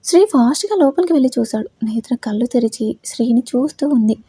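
A woman narrating a romance story in a steady storytelling reading. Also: fairly high pitch, brisk, breathy edge, no room sound.

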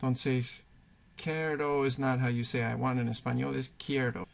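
Gravelly-voiced man teaching Spanish grammar. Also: medium pitch, little pitch movement, brisk. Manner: patient, thinking aloud with fillers. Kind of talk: explaining grammar at a whiteboard.

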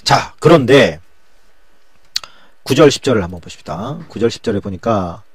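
A man's voice: lowish voice, lively intonation, moderate pace, slightly rough. A male pastor teaching a Bible study lecture in a colloquial way, full of rhetorical questions.

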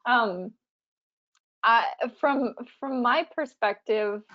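A woman's voice: fairly high pitch, extremely slow. A woman speaking as a panelist in a webinar discussion, casual and conversational, with frequent fillers. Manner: conversational, frequent "you know" and "like". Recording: dull lo-fi audio.

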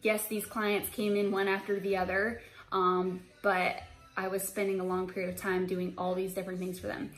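A woman's voice: mid-range voice, completely flat delivery, normal speed, soft background music, poor audio. A young woman in her twenties, a hairstylist, chatting to camera in an empty salon, reassuring and full of fillers and restarts. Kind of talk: casual vlog talk to camera. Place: empty hair salon indoors.

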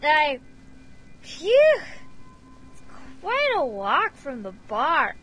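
A drunk grumpy sellsword, slow drawl, high and bright. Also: female voice, wildly swooping pitch, soft background music, exaggerated voice. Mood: bitter. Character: gruff mercenary leader, tipsy and bitter. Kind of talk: game voice acting.

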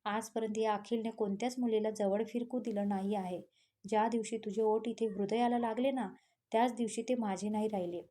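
A woman's voice: medium pitch, fairly even intonation, fairly quick, warm tone, natural voice. A woman reading the lines of an intense, possessive young man in a storybook tale, firm and insistent.

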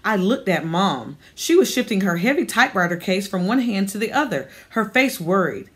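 A woman reading an audiobook aloud, telling the story in a calm, even manner. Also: medium pitch, moderate pace. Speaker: audiobook reader. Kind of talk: audiobook narration.

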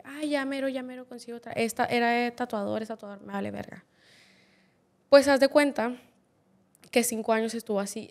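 Blunt, foul-mouthed young Mexican woman. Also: a little high. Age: 20s. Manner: blunt, swears constantly, slangy. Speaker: podcast guest. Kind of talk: candid personal storytelling.

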